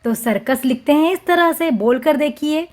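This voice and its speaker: High-voiced teacher spelling out syllables. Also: female voice, moderate pace, darkish tone. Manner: stretches out each syllable and repeats words. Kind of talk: slow, drawn-out reading lesson for small children.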